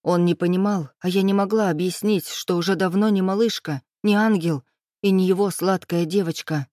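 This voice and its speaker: Woman, audiobook narrator, steady first-person reading, mellow and dry sound. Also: fairly low pitch, moderate pace, no echo.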